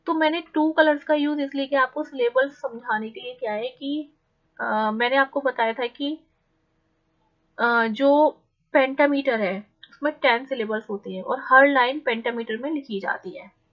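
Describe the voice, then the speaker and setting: A young woman teaching an exam-prep literature lesson in a mix of Hindi and English, explaining step by step and slowing down to read English definitions. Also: sits high, muffled recording. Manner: explains patiently, slows right down when reading English definitions.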